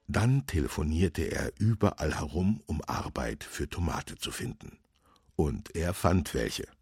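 A man's voice: very deep voice, gravelly, husky. A man reading a children's story aloud, acting out the characters. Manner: slow, lively storytelling voice.

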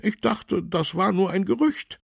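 A man doing a high, flustered town councillor. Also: normal speed, creaky, husky, no room sound, clean studio sound, exaggerated voice. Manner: flustered, hesitant, high and excited. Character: fussy high-voiced male town councillor.

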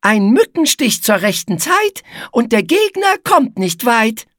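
A woman's voice: fairly high pitch, big pitch swings, measured pace, a bit bright, no echo, clean studio sound, voice pushed up, exaggerated voice. A woman voicing a prim, easily offended young female spider in a storybook reading. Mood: eager.

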